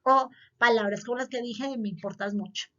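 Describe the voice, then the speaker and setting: A woman's voice: on the high side, a little fast, pushed and bright. A woman school counselor gives an earnest, explanatory talk to parents, repeating points for emphasis. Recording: slightly dull lo-fi audio.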